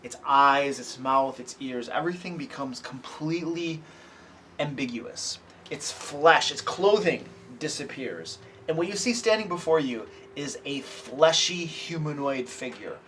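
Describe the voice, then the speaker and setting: A game master runs a tabletop fantasy game, moving between descriptive narration and casual table talk. His voice is fairly high, a bit bright, and animated, though his pace is a little slow. The room around him is clearly noisy.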